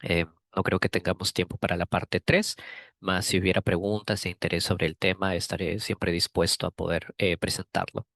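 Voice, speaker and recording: A man from Peru giving a technical webinar talk over a video call, measured and with frequent fillers. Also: deep voice, little pitch movement, creaky, fairly bright tone, no room sound. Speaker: guest speaker.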